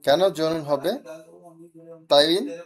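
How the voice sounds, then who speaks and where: A man with a fairly high-pitched voice gives a Korean lesson, drilling words slowly syllable by syllable and correcting a student's reading. He throws in some teasing.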